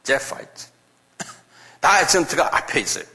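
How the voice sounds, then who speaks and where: Gravelly Korean Bible teacher, lively pitch. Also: male voice. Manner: slow, step-by-step teaching, asks class to repeat aloud; chuckles, talks directly to students. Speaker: Bible lecturer. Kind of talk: classroom Bible lecture.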